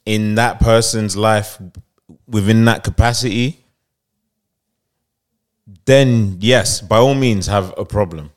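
Low-pitched man, slangy casual chat. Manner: slangy, halting, emphatic repetition. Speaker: talk show co-host.

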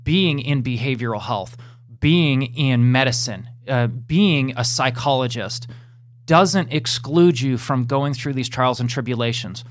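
A podcast host wraps up his episode and reads the outro, sounding earnest and encouraging. He speaks unhurriedly in a mid-range voice.

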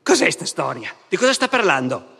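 High, bright lecturer. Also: male voice, brisk, gravelly, slightly rough. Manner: lively, conversational, with asides. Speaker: history professor. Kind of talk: public lecture. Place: festival lecture hall. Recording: reverberant festival hall.

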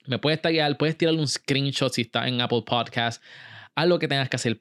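Male podcast host, direct and hyped, mid-pitched, dry booth with soft music under. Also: no room sound. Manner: direct, pushy, addresses listener as tú, mixes English words. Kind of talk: energetic motivational podcast talk.

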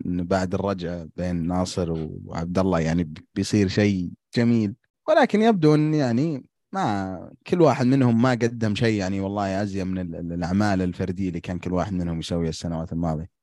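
Saudi guy, low voice, casual podcast talk, dry close recording. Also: darkish tone, dry recording. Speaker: podcast panelist. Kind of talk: casual chat.

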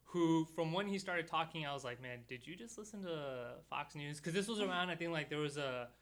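Young male podcast host, casual and chatty, bright and crisp, slightly high. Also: a little fast. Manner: relaxed storytelling with many fillers. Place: studio.

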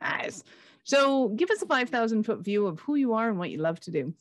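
A woman's voice: fairly high pitch, sing-song, brisk, no room sound, studio quality. A woman hosting a podcast interview in a casual, chatty, informal and jokey way. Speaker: podcast host.

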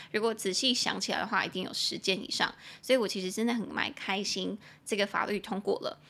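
A woman from Taiwan hosting a bilingual English lesson podcast, chatting casually and slowing down to spell and repeat English words. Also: medium pitch, bright, forceful tone. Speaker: podcast host teaching English.

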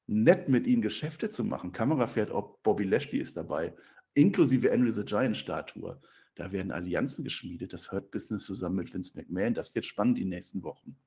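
A man's voice: creaky, breathy edge. A man hosting a casual talk show, retelling a fantasy wrestling storyline and jumping into character voices. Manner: animated storyteller, jumps into high squeaky character voices. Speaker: podcast host.

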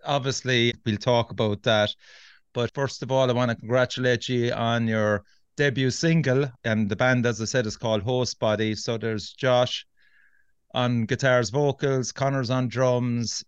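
A man with an Irish accent hosts a casual podcast in a clear, smooth, mid-pitched voice. He sounds matey and keen. The recording is dry and slightly dull. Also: no room sound. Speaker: podcast host.

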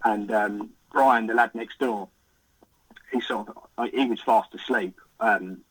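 A young man, a podcast guest recounting a catch in excited, vivid casual chat with the odd swear word. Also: lowish voice, measured pace, husky, low-quality recording. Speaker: podcast guest, carp angler.

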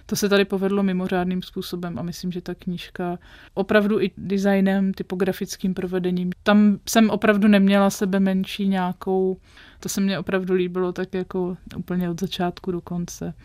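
Measured woman, flat steady voice. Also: mid-range voice, dry recording. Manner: thoughtful, measured, searching for words. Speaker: literary critic and magazine editor. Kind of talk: radio interview guest.

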